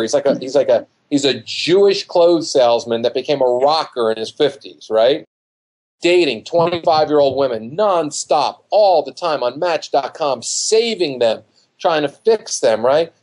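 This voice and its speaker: Over a video call from his living room, a man in his fifties, a dating coach being interviewed, dispenses casual, colloquial advice, emphatic and repetitive, voicing quoted remarks. The computer mic gives poor audio of his fairly high, expressive, slightly mellow voice at normal speed.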